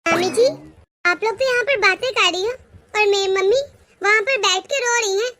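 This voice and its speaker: A woman's voice: very high-pitched, moderate pace, background noise. A woman voicing a spirited young girl in a cartoon, speaking with hurt, outspoken indignation. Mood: upset. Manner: pleading, indignant. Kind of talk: animated cartoon voice acting.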